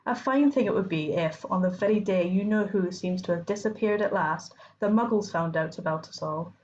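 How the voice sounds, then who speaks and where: A woman doing a strict older Scottish schoolmistress with a brisk, irritable, clipped delivery and a sharp edge to every line. She sits at a middling pitch. The recording is dull and lo-fi. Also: a little hiss or hum, close to an everyday voice. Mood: probing. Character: stern older woman professor, brisk, impatient.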